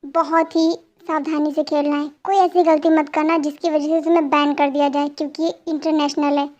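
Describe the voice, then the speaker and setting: A woman's voice: sits high, level tone, fairly quick, darkish tone, muffled recording, lightly acted. A woman voicing a strict male boxing coach who lectures firmly in an amateur fan dub. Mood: stern. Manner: firm, lecturing.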